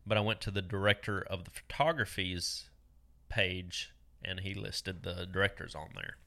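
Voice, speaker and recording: A man with a low, bright, forceful voice co-hosts a casual chat show. He talks loosely and hesitantly, filling pauses with "um" as he recounts things. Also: creaky. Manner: relaxed, hesitant, many fillers. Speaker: podcast co-host.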